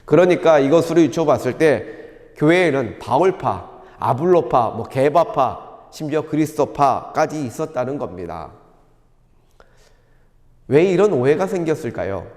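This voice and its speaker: Korean pastor preaching in an echoing sanctuary. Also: male voice, on the high side, expressive, a little mellow. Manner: measured teaching tone, rhetorical questions, occasional fillers. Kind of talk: sermon. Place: church sanctuary.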